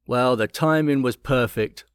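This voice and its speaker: A man's voice: medium pitch, a little slow, smooth, dry recording, clean studio sound, natural voice. A man voicing a cheerful, teasing uncle in a storybook reading. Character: jolly joking uncle.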